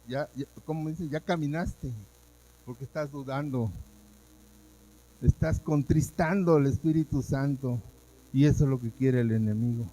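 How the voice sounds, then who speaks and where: A man's voice: mid-range voice, mellow, low-quality recording. A man, a pastor giving a sermon at a church service, telling his own testimony with feeling and acting out what he once said. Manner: emotional storytelling, acting out his own past words.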